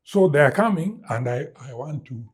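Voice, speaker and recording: Very husky Kenyan man, lively storyteller. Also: on the high side, moderate pace. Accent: Kenyan English. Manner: animated storyteller who mimics sounds and drops Swahili words. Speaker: guest. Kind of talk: storytelling in a conversational interview.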